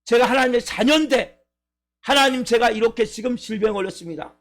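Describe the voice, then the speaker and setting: A preacher voicing a humble believer's earnest prayer. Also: male voice, very high-pitched, a bit bright. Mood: grateful. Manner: slow, earnest pleading prayer. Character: humble believer praying aloud in thanks.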